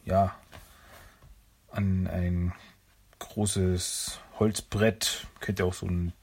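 A man's voice: sits low, flat delivery, very slow, vocal fry, darkish tone, husky. A man casually retelling a cartoon episode, hesitant and full of fillers.

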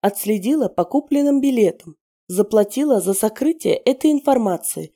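A woman voicing a scheming, spiteful middle-aged female werewolf with a sneering, taunting manner that turns shrill under pressure, in a storybook reading. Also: lively intonation, moderate pace, mellow. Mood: confessing.

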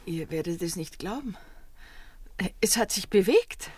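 A woman's voice: fairly low pitch, lively intonation, slightly rough, no echo, studio quality. Eva, a dreamy fragile woman. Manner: slow, dreamy, hushed.

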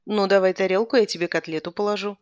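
A woman's voice: mid-range voice, steady tone, fast, darkish tone, dry recording, lo-fi sound, close to an everyday voice. A woman voicing a harried mother who scolds her son at the dinner table. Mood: scolding.

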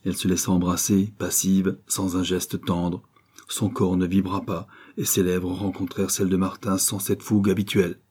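A man narrating a novel in a measured, steady storytelling manner. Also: deep voice, breathy edge. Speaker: audiobook narrator.

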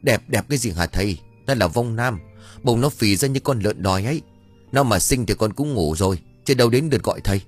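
A man voicing a panicky, cowardly young village husband who shouts and pleads in a high voice. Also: expressive, a little fast, faint music behind. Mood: pleading. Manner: shrill, frantic yelling.

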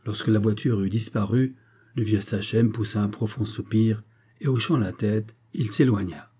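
Low, husky male audiobook narrator. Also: dark tone. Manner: measured, dramatic storytelling. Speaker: audiobook reader.

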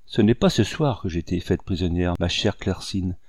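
A man's voice: fairly low pitch, lively intonation, moderate pace, mellow, dry recording, studio quality. A man reading the lines of a young noblewoman taken captive, in an earnest, emotional audiobook delivery.

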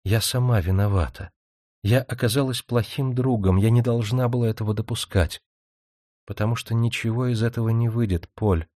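Audiobook: male reader doing a shy, gentle young woman, quiet and hesitant, mid-pitched. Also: normal speed, dry recording, clean studio sound, lightly acted. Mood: soft. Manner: soft, hesitant, quietly earnest. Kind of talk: audiobook character reading.

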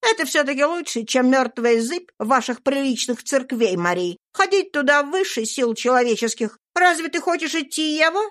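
Woman playing a world-weary gentleman father, ironic, teasing, high and lively, storybook. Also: moderate pace, few pauses.

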